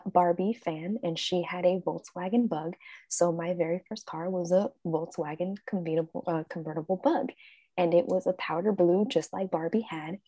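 A woman with a lowish voice, recorded dry, is a life coach being interviewed as a guest. She talks casually and animatedly, acting out her own thoughts in quotes and laughing often.

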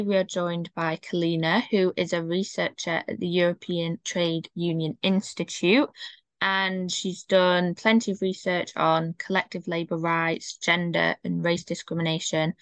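Low-voiced woman podcast host from the UK. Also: no room sound. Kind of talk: podcast interview.

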